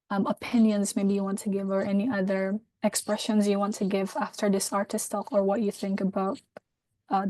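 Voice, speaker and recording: A woman moderates an artist talk, her voice mellow and recorded close and dry. She invites questions and comments from the audience in a fluent, open way. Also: medium pitch, dry recording. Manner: fluent, inviting, switches between languages. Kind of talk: moderating a discussion.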